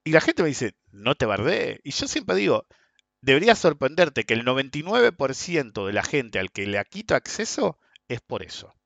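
Animated Rioplatense man telling trading stories. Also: mid-range voice, moderate pace, gravelly, dry recording. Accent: Rioplatense Spanish. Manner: lively storytelling, frequent "ok?" tags. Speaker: trading educator. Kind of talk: casual monologue to viewers. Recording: dull, dry lo-fi sound.

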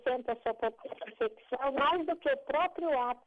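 A woman's voice: high-pitched, normal speed. A woman in her sixties, a massage therapist speaking over a phone line, who explains at length with many restarts. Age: 60s. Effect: heard over a phone line. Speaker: massage therapist taking a prank call. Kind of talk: casual phone conversation.

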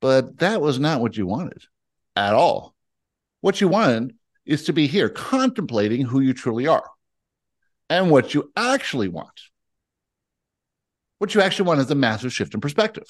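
A man acting as a spiritual teacher in a guidance session. He speaks as a collective "we" and works through slow, emphatic lists. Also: on the high side. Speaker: spiritual teacher answering questions.

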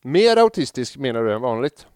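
A man's voice: medium pitch, very animated, darkish tone, clean tone, no echo, studio quality. A man hosting a podcast in casual chat, rambling and poking fun at himself. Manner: chatty, rambling, self-mocking. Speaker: podcast host.

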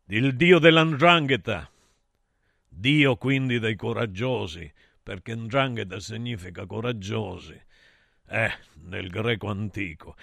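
A man's voice: medium pitch, creaky, bright, forceful tone, no room sound, clean studio sound. A man telling a satirical myth in a theatrical, ironic way, full of wordplay. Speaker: storyteller. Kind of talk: satirical mythological storytelling.

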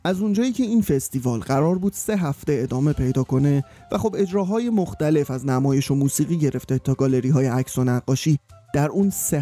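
A man in his forties from Iran, telling a personal story in a wry, self-mocking, unhurried way. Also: fairly high pitch, warm tone. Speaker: storyteller and documentary reporter. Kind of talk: scripted personal storytelling over music. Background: faint background music.

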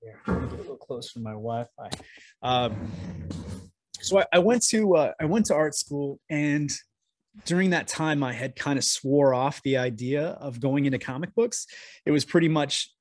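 A man's voice: medium pitch, moderate pace, dry recording. Guy on a video call, rambly, keeps restarting sentences, dry close sound. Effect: heard over a video call with a shaky connection. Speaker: guest, comics editor. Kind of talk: casual interview talk.

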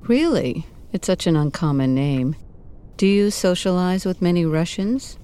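An actress playing a coy, sultry married client in a parody noir audio drama, speaking softly. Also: female voice, fairly low pitch, lively intonation, measured pace, clean tone. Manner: soft-voiced, coy.

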